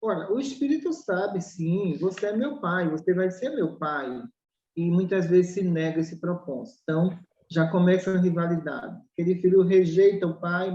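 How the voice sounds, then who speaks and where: A Brazilian woman with a dark, mellow voice lectures as a spiritual doctor, pressing her points with rhetorical questions and acted-out exchanges. The sound is roomy and dull, like a lo-fi room recording. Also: lowish voice. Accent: Brazilian Portuguese. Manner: emphatic, acts out dialogues and fires rhetorical questions. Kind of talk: explanatory talk in a spiritual study podcast.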